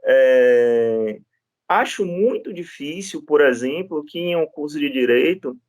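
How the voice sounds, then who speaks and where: Male lecturer, higher register, relaxed storytelling with many tag questions. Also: slow, dry recording, highs cut off. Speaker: law lecturer. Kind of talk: classroom lecture with anecdotes.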